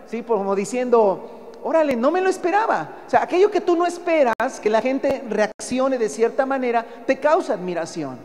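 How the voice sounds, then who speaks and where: A preacher with a Mexican accent delivers an emphatic sermon, often calling listeners "brother" and throwing out rhetorical questions. His high voice has a darkish tone, with a long reverb tail.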